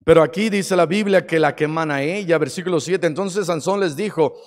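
A man preaching a sermon, swinging from hushed asides to shouting. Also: a little high, fairly quick. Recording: long hall reverb.

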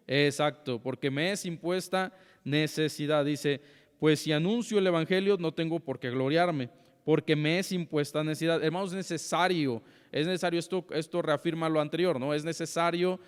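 A man's voice: a little high, normal speed, smooth. A young man teaching a church Bible class in a conversational way, often checking in with his listeners. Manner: conversational, often asks "¿sí?" and addresses "hermanos". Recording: long hall reverb.

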